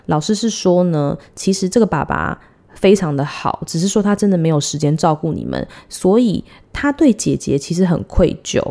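A woman in her thirties, a podcast host, telling a personal story in a chatty, giggly way with drawn-out dramatic pauses. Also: on the low side, sing-song, gravelly, warm tone.

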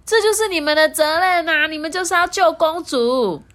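A woman voicing a bossy young princess locked in a tower, crying out shrill demands. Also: lively intonation, unhurried, a bit bright. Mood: demanding.

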